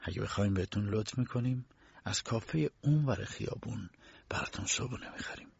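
A man voicing a smug low-ranking guard who talks in a low, hushed, clipped way. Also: vocal fry, a little hiss or hum. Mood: officious. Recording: dull lo-fi dry recording.

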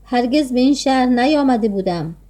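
A woman's voice: sits high, animated, warm tone. A woman voicing a courteous young prince disguised as a merchant in a read-aloud tale, speaking politely.

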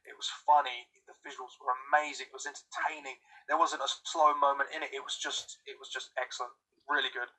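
A young British man chatting casually as a podcast guest, enthusiastic and quick to agree. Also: mid-range voice, flat delivery, pushed and bright, rough recording. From United Kingdom. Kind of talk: casual chat.

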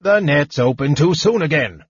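A man voicing a fussy, excitable male gnome official who chatters fast, explaining everything eagerly. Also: a little high, husky, no echo, dull audio, voice pushed up.

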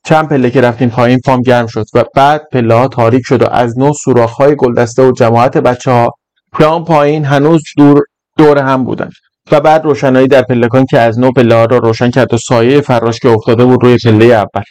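A man narrating a short story in an even, measured reading voice. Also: mid-range voice, no room sound. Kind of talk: scripted narration.

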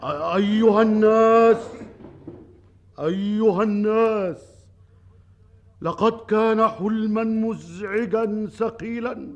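A man playing an emotional king in a classical Arabic drama, speaking in a grand, halting, theatrical manner with repeated words. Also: medium pitch, darkish tone, husky, muffled recording, lightly acted. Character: emotional king freed from a sorceress's spell.

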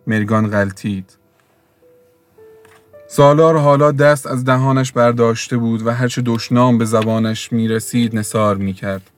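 Man narrating a novel over soft music. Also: medium pitch, fairly even intonation. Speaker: audiobook narrator. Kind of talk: scripted literary narration.

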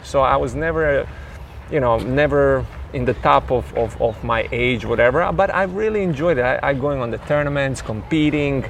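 A man's voice: mid-range voice, moderate pace, creaky, a little hiss or hum. A man from Croatia with a Croatian accent, a tennis coach talking in a casual interview in a thoughtful, rambling way with many fillers.

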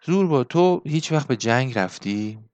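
A man's voice: mid-range voice, expressive, a little mellow, no echo, highs cut off, lightly acted. A man voicing a bookish young male narrator in an audiobook, earnest and challenging in tone.

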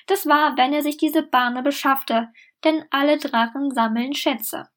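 A woman's voice: high-pitched, fairly even intonation, a little slow. A woman narrating a scripted, satirical fairy tale in a dry, mock-solemn way. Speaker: storyteller.

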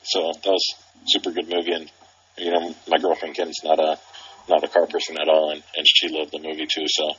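Very deep flat man on speakerphone. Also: a little fast. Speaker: cousin reviewing movies. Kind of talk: casual chat. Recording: muffled speakerphone call.

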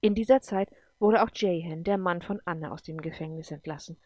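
A woman reading a science fiction story aloud in a steady, even storytelling manner. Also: lowish voice, brisk, no room sound. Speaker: narrator. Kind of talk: audiobook reading.

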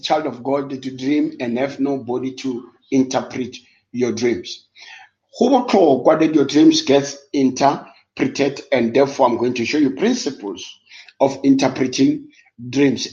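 A man's voice: mid-range voice, a little mellow. A South African man, a native Sotho speaker, preaching a live-streamed Bible lesson with emphatic repetition and rhetorical questions. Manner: switches between English and Sotho. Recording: dull, lo-fi live-stream audio.

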